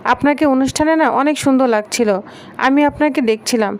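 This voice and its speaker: A woman's voice: sits high, a little fast, natural voice. A woman voicing a shy, hesitant young man who speaks politely.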